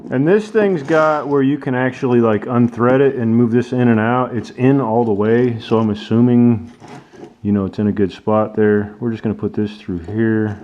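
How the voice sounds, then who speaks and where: Casting: man, informal DIY car builder thinking aloud in a workshop, mid-pitched voice, lo-fi noisy sound. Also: fairly even intonation, moderate pace, darkish tone. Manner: informal, thinking aloud while working with his hands. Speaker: DIY car builder presenting his project. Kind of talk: casual hands-on how-to commentary. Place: workshop at a workbench and beside a truck. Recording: dull lo-fi audio with clear noise.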